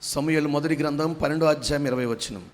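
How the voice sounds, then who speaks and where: A man's voice: on the high side, fast. A man preaching a sermon as pastor, pressing the congregation with questions and urging them to praise aloud. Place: church hall.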